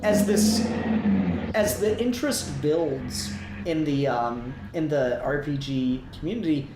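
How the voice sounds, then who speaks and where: Over clear background noise and roomy echo, a man with a higher, slow-paced voice talks through a review on a podcast he co-hosts. He rambles casually, thinking out loud as he goes.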